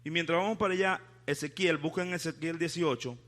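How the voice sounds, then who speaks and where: Bright, high-voiced pastor. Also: male voice, brisk. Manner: asks the congregation questions, leads call-and-response. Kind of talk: sermon. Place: church before a congregation.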